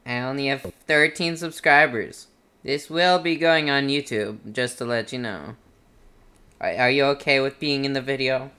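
A young man chats over his headset while gaming, playful and evasive. His voice is bright and crisp, with a clear, smooth tone. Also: mid-range voice, normal speed. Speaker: streamer. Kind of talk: casual game chat.

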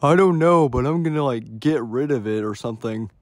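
A man's voice: medium pitch, brisk, no room sound, clean studio sound, natural voice. A man voicing a goofy, fussy young cartoon character in an improvised, casual comedy dub. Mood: bemused.

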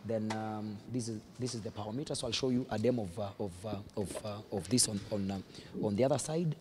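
A factory guide in his forties, Kenyan-accented, speaks a little fast in a fairly low voice while explaining the machines to visitors in casual mixed Swahili and English, pointing and gesturing. The setting is a large indoor electronics factory floor, recorded through a handheld mic the interviewer holds, with background noise.

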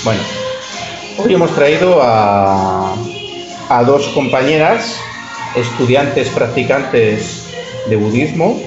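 A man from hosting an informal interview, halting and repeating phrases as he introduces his guests. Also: medium pitch, lively intonation. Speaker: radio show host. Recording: echoey, muffled, loud music behind.

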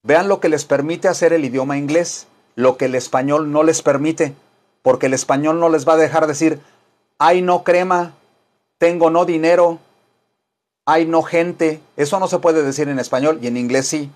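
A man teaching an English lesson, drilling phrases with slow repetition and modeling English sentences. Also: a little high, steady tone, darkish tone.

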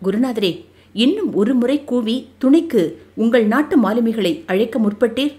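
A woman's voice: on the high side, expressive, moderate pace, mellow, natural voice. A woman voicing a stern, menacing young male army commander in an audio novel, speaking with a cold threatening tone.

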